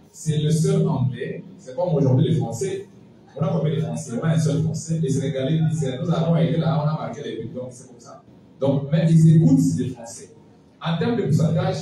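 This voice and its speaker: Man, event speaker, animated and digressive, mic far off in a booming hall. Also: slight background noise. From Democratic Republic of the Congo. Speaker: English language speaker at a launch event. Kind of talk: informal public talk answering a question. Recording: very echoey hall, voice from afar.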